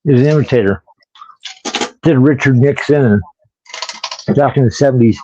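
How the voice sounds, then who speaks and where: A man's voice: medium pitch, normal speed. A man chatting on a live podcast, easygoing and rambling, fond of jokes and impressions. His mid-range voice comes through slightly dull. A faint hiss sits behind him. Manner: rambling, jokey, does impressions. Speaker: podcast co-host. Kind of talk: casual live-stream chat.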